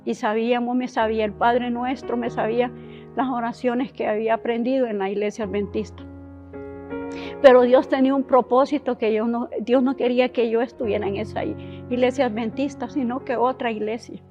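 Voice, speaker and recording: A woman from Honduras sharing a personal testimony, telling her story in a halting, emotional way with many restarts. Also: on the high side, fairly even intonation. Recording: dull lo-fi sound with faint music.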